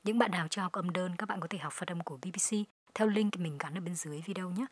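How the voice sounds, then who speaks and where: A woman with a Vietnamese accent teaching English pronunciation, explaining each word and reading phrases slowly for listeners to repeat. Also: fairly low pitch, no room sound. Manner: slow clear model readings of English phrases. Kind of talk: pronunciation lesson.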